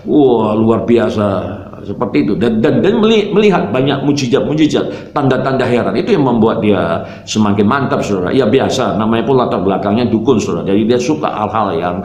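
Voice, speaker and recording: Guy pastor telling his testimony, kinda low voice, keeps calling everyone brother, echoey room. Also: animated, a little fast, hardly any pauses, darkish tone. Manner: earnest storytelling, addressing listeners as "saudara" after almost every phrase. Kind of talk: personal faith testimony. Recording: roomy echo.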